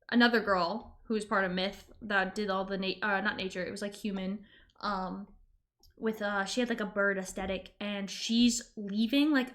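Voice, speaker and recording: A woman's voice: mid-range voice, fairly bright tone. A woman streamer in casual reaction chat, talking informally and emphatically and acting out the reactions she quotes.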